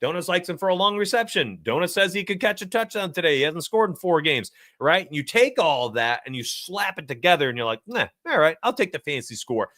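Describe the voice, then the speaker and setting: A man hosting a casual sports betting livestream, talking in an animated, rambling way and chuckling often. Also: sits high, fairly quick, few pauses, no room sound, studio quality. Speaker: sports betting show host.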